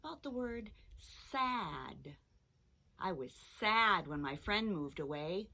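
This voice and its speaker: Woman teacher, children's phonics lesson; unhurried, clear and sing-song, a sharp bright tone. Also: lowish voice, animated.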